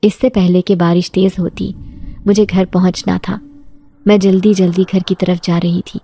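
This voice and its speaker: A woman narrating a scripted first-person horror story in a steady storytelling voice, close to the mic. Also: lowish voice, breathy edge.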